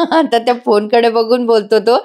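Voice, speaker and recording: A woman's voice: mid-range voice, moderate pace, darkish tone. A woman hosting a casual recap of a TV serial, chatting to her viewers. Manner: chatty, addresses viewers, laughs often.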